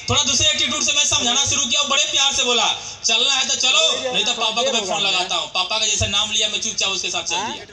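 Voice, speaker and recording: A man giving a motivational storytelling speech at a company event, addressing the crowd as friends and asking them questions. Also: very high voice. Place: large event hall. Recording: echoey hall.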